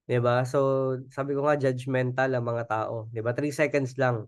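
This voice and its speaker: A man's voice: mid-range voice, little pitch movement, moderate pace, smooth, no room sound, studio quality. A man with a Filipino accent running a casual sales training, chatty and coaxing, always checking in with his listeners. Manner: keeps asking the audience "di ba?", chatty and coaxing. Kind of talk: casual Taglish training talk.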